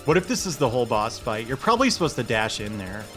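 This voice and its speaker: A man's voice: medium pitch, sing-song, fast, a bit bright, faint music behind. A man streaming a retro video game live, chatting and joking with his viewers as he plays. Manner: jokey, chatty, laughs often, talks to chat. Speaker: streamer playing retro games. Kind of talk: casual live game commentary.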